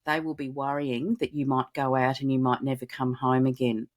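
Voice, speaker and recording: An Australian woman, an animal communicator, explaining things in a steady, reassuring way during an interview. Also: very deep voice, moderate pace. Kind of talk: casual interview advice.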